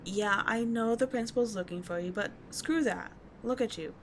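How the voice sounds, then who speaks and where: Playing a teenage delinquent schoolgirl who is tough but caring, a woman speaks in a slangy, blunt, soothing manner for an ASMR roleplay audio drama. Her fairly high voice, at a moderate pace, is close to how she normally talks, with a little hiss or hum. The mood is casual, bossy, and caring.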